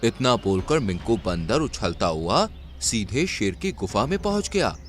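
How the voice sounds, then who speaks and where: A man's voice: fairly low pitch, a little slow. A man narrating a children's cartoon story expressively. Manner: expressive and lively.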